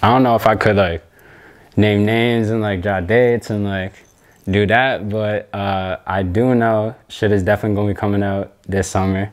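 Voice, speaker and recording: Deep-voiced young man, slangy and rambling. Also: fairly even intonation, normal speed. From Canada. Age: young adult. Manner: loose, slangy, rambling with many fillers and swearing. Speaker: interview guest, designer. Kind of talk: casual interview chat.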